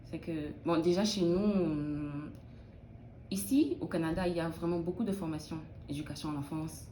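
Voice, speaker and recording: Young woman from Benin, low mellow voice, hesitant interviewee, echoey room. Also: fairly even intonation, moderate pace, a little hiss or hum. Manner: thoughtful, hesitant with many restarts. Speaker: interviewee, student in early childhood education. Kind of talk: casual interview answers.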